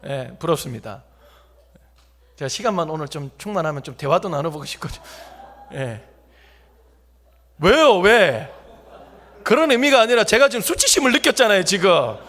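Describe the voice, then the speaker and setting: A man preaching. He spins a humorous story and talks straight to the congregation. His voice runs notably high. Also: sing-song, normal speed, pauses often, fairly bright tone. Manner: jokey, talks directly to the congregation. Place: church sanctuary.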